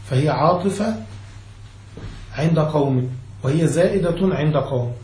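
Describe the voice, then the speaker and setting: Echoey sheikh teaching grammar. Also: male voice, fairly high pitch, normal speed, a little mellow, a little hiss or hum. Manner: explains step by step, keeps asking his students whether they follow. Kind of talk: classical Arabic grammar lesson.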